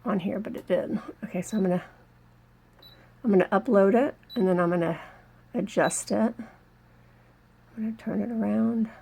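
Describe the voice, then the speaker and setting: Woman, craft tutorial host, slight gravel and fry, has a cold and sounds a bit breathless, casual and full of ums while working. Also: medium pitch, moderate pace, pauses often, mellow. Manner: chatty, many ums, talks while working the machine. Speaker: embroidery channel host.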